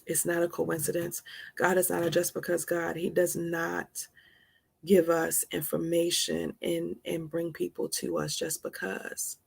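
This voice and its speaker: A woman's voice: fairly low pitch, completely flat delivery, unhurried, vocal fry, darkish tone, breathy edge. A woman in her forties hosting a live stream, giving a heartfelt motivational talk with earnest, repeated, preacher-like emphasis. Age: 40s.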